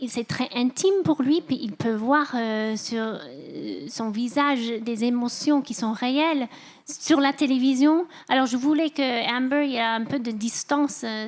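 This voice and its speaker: A woman speaks French as a second language with an audible foreign accent. Her voice sits a little high, and she talks haltingly, feeling for the right words as she answers an interview. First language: not French. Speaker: novelist, festival guest. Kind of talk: interview answers at a literary festival.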